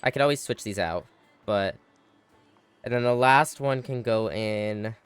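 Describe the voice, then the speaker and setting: A man's voice: lowish voice, measured pace, clear, resonant tone, no echo, faint music behind. Chatty male game streamer thinking aloud. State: yawning, tired. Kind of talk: casual live gameplay commentary.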